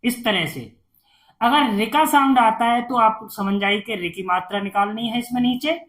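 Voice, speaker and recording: A woman teacher giving a reading lesson, saying each word slowly twice and explaining patiently. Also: on the high side, fairly bright tone. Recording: echoey room.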